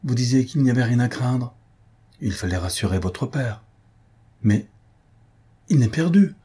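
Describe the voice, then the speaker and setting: A man's voice: medium pitch, normal speed, dark tone, husky, voice pushed up. A man voicing an anxious young woman, a devoted daughter, in a pleading, rising tone. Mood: distressed.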